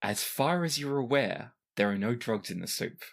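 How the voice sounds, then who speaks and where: A man acts as game master for a tabletop role-playing podcast, narrating the game in a conversational, explanatory way and tossing in chatty asides. His medium-pitched voice is animated, carries vocal fry, and moves at a normal speed.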